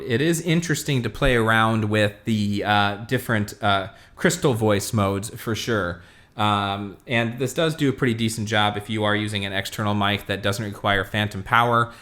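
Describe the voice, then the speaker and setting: Low-ish voiced dude walking thru a gadget demo, lots of uhs, chill. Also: male voice. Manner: relaxed, lots of fillers, talks while demonstrating. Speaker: tech reviewer. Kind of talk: casual product review walkthrough.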